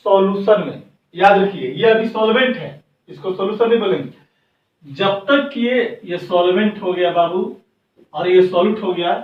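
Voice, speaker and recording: A man's voice: high-pitched, distant mic. Male teacher, asks and answers his own questions, dull lo-fi sound in a very echoey room. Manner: asks the class questions and answers them himself, repeats words slowly for dictation. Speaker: chemistry teacher. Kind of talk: classroom lecture, dictating notes.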